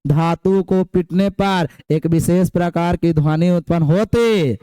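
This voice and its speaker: A young teacher in the middle of a class lesson, drilling definitions over and over and calling on students with homely, folksy asides. His voice sits high and comes out smooth and clear. It is recorded dry, with no echo from the room. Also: unhurried, mellow. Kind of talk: classroom lecture.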